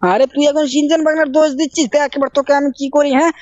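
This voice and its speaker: A woman's voice: high-pitched, flat delivery, rapid-fire, a little mellow, no echo, lo-fi sound, natural voice. A woman voicing Franklin, a hot-tempered cartoon uncle who scolds and threatens in a game voice-over. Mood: scolding. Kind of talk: gameplay voice-over role-play.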